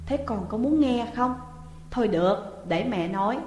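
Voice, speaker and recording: A woman's voice: fairly high pitch, animated, normal speed, darkish tone, slight background noise, close to an everyday voice. A woman reading an audiobook, voicing a firm, protective middle-aged mother who admonishes her daughter. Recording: echoey room with long reverb.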